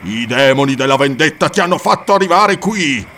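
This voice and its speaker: A man's voice: medium pitch, expressive, fairly quick, sharp tone, far from the mic, slight background noise. A man voicing a furious, vengeful barbarian warrior who snarls and rages in an audiobook. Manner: snarling, raging, frenzied.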